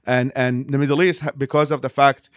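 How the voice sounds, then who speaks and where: Here an Iraqi nonprofit leader answers interview questions in long, rapid stretches, rephrasing as he goes. His pitch is medium and his tone level. The audio is close-miked and dry, without any room ambience.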